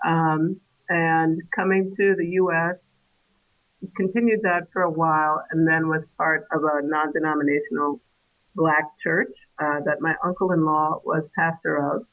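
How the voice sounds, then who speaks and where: A woman's voice: deep voice, steady tone, unhurried. A woman from Trinidad, a guest on an interview podcast, talking through her answers thoughtfully with many fillers and restarts. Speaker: guest, independent scholar. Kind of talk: casual interview conversation. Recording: tinny phone-like remote call line.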